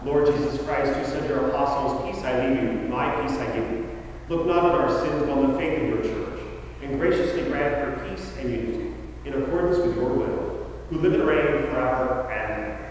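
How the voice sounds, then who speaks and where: Priest chanting with cathedral echo. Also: male voice, medium pitch. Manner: slow, measured liturgical recitation. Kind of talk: reciting the Mass liturgy. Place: large church. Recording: echoey church hall, distant mic, background noise.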